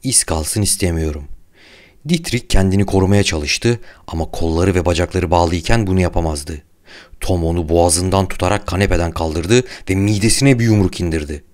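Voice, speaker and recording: Deep-voiced male audiobook narrator. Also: fairly quick, a little mellow.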